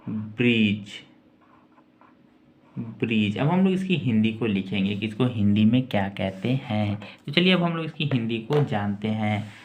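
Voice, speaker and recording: A man teaching English pronunciation, spelling each word letter by letter and repeating it slowly. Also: lowish voice, lo-fi sound. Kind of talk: slow pronunciation lesson.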